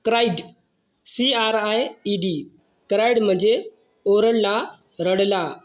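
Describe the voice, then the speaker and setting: A teacher giving a slow vocabulary lesson, spelling each word letter by letter and then giving its meaning. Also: mid-range voice.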